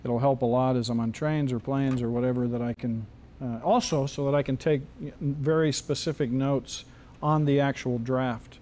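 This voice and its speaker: Mellow-voiced man teaching a casual class. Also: mid-range voice, steady tone, moderate pace, slight background noise. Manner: loose, joking, many restarts. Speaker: screenwriting teacher.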